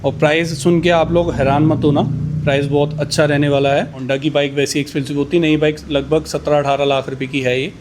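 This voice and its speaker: A man pitching used superbikes in a casual, boastful way, rattling off price countdowns. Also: little pitch movement, a little fast, background noise.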